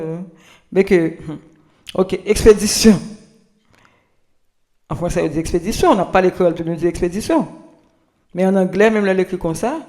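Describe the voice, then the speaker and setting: A man with a high, slightly mellow voice and a Haitian Creole accent presents language tips in an informal spoken lesson on pronunciation. His delivery is repetitive and halting, with many restarts.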